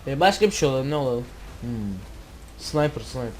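A man from Turkey giving excitable gameplay commentary, swearing and yelling when startled. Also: mid-range voice, fairly quick, a little hiss or hum. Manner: excitable, swears and yells in surprise. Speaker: gamer.

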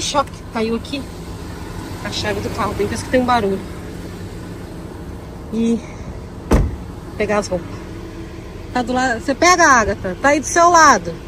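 A Brazilian woman with a fairly high-pitched voice and a Brazilian Portuguese accent chats with her viewers on a casual campground vlog, addressing them directly as she goes from outdoors to the car. Background noise can be heard.

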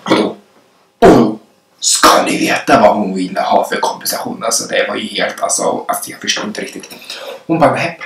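A man's voice: lowish voice, animated, creaky, a bit bright. A young man vlogger telling work stories while eating, chatty and rambling with many restarts. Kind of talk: casual storytelling while eating. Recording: echoey room, mic some distance away.

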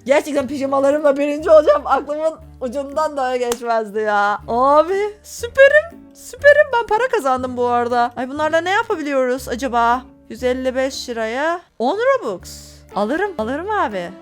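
A woman's voice: high voice, lively intonation, normal speed, hardly any pauses, soft background music. A young woman hosting a gaming channel, giving casual play-by-play commentary with dramatic, exasperated complaints.

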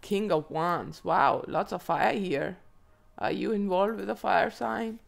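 A woman with a hoarse, froggy voice from a cold, reading tarot to viewers in an unhurried, musing way and asking herself questions aloud. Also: medium pitch. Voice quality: froggy, croaky throat. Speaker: tarot reader and channel host. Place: indoors at a table.

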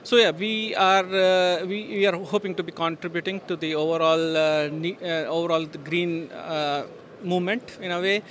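Middle-aged man, trade show interviewee on a handheld mic; hesitant, filler-heavy delivery, bright tone, faint hall hum. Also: high voice, fairly even intonation, moderate pace. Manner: hesitant, many fillers and restarts. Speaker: industry guest at a trade show. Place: busy exhibition hall booth.

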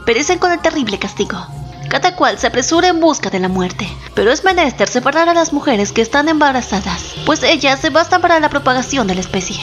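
A woman voicing a proud, victorious male Inca general who speaks harshly and boastfully, with soft music behind. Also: high-pitched, animated, fast talker. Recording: slightly dull, soft background music.

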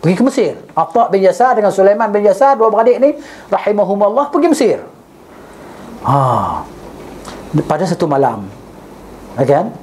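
A man's voice: high-pitched, sing-song, moderate pace, pauses often, darkish tone. A man, a religious teacher telling a story in class. He recites Arabic and then explains it, and keeps checking with his listeners.

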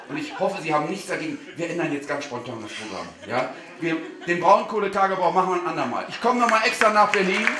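A male comedian performing a live stage show, speaking to the audience in a mock-formal, animated way and sometimes shouting. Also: on the high side, background noise. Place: theater stage. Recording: roomy theater sound.

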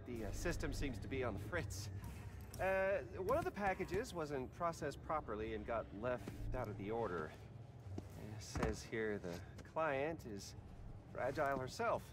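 An actor playing a nervous, apologetic delivery depot worker in a video game, chatty and halting. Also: male voice, medium pitch, noisy background, lightly acted. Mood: explaining. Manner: halting, awkward, chatty, with nervous little laughs. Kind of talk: video game character acting.

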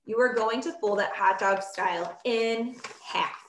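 A woman teacher telling a comic story and giving instructions in a playful, animated way. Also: a little high, unhurried, background noise. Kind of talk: classroom video lesson. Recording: echoey room.

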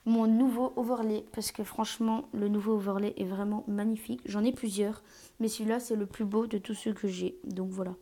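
Hesitant streamer woman, mellow voice. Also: mid-range voice, steady tone, brisk. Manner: hesitant, many fillers, drops to whispers at times. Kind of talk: live gameplay commentary. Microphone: earphone mic.

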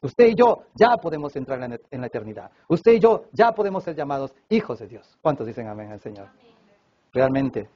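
A man preaching a sermon at a church service, swinging between loud emphatic cries and hushed low passages. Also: breathy edge, muffled recording. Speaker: pastor.

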